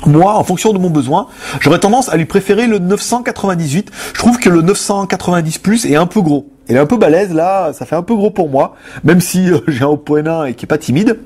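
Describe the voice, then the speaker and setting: A man's voice: high-pitched, animated, a little fast, darkish tone, slightly rough. A young adult man hosting a loose, joking chat where he answers viewer questions. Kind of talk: casual chat.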